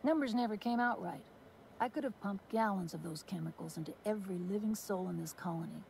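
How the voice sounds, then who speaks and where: A woman voices a jaded former testing supervisor, sardonic and weary, in a video game. Her voice has a gravelly edge, with faint game noise behind it. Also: medium pitch, brisk, a little mellow, natural voice. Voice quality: dry, sardonic, world-weary. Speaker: game character.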